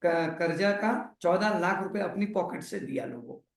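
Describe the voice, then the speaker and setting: A man's voice: sits high, steady tone, normal speed, vocal fry. Encouraging male host, roomy sound. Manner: encouraging, praising the guest. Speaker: host and sales trainer. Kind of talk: online training session interview.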